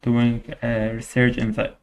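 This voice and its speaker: A man's voice: mid-range voice, monotone, a little slow. A young man from Syria, a guest in an interview, speaking hesitantly with many fillers and restarts. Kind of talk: casual interview.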